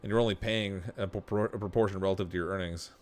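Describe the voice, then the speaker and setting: Quick-paced and low-voiced with fairly even intonation, this man offers casual live gameplay commentary, chatting, laughing frequently and responding to viewers as he plays.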